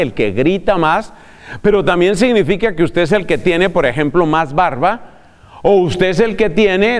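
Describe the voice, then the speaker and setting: Male preacher, high-pitched, chatty, direct address, reverberant room. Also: clean tone. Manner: conversational, addresses listener directly, chuckles at own asides. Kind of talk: recorded religious talk.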